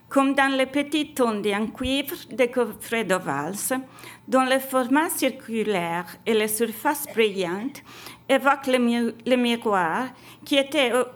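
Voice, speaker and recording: A woman, a French speaker, reading a scripted academic lecture as an exhibition curator, careful and stumbling a little over words. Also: on the high side. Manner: foreign-accented, non-native French, careful reading with stumbles.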